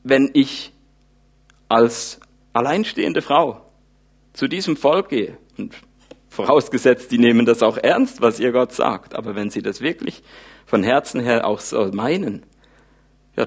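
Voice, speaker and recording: A man preaching with lively storytelling. He rises to loud peaks and sinks to quiet, intimate asides. His pitch sits in a middle range for a man. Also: unhurried, vocal fry, pauses often, husky. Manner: lively storytelling, voices characters' thoughts informally; animated, wide swings in loudness. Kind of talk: sermon.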